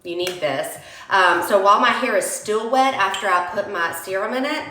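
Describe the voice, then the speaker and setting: A young woman beauty vlogger chats casually through a hair-care tutorial, sniffling from a cold and calling her viewers y'all. Her mid-range voice is sharp in tone and moves at a moderate pace. The home recording sounds roomy and echoey.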